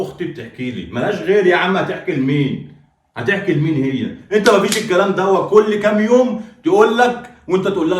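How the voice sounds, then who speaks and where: A man's voice: fairly high pitch, echoey room, lightly acted. A man playing a stern Egyptian big brother. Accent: Egyptian Arabic. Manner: lecturing, insistent, repeats "tamam?". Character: stern older brother defending his sister. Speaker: actor in a skit. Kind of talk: sketch acting.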